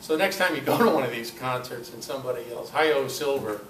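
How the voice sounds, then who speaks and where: Addressing a club audience in a meeting room, the older guest speaker tells personal stories haltingly and informally in a mid-range voice. The recording is distant, echoey and noisy.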